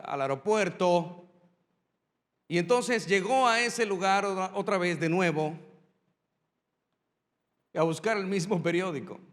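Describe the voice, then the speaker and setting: High-voiced pastor preaching in a reverberant hall. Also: male voice, fairly bright tone. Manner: dramatic pauses, repetition for emphasis. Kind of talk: sermon storytelling.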